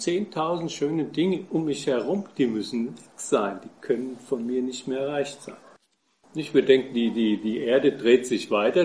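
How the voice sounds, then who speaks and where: A man lecturing on Buddhist teaching, patient and conversational. He turns to his listeners and reasons things through aloud. He slows down to recite the old texts. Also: medium pitch. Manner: explains patiently, recites scripture slowly, asks listeners directly; conversational with fillers and restarts. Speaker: Buddhist teacher giving a talk.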